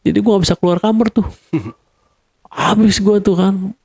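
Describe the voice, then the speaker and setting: A young man with a Jakarta accent telling a personal story in a casual, animated way. He acts out quarrels in a raised voice. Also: sits high, moderate pace, husky, dry recording.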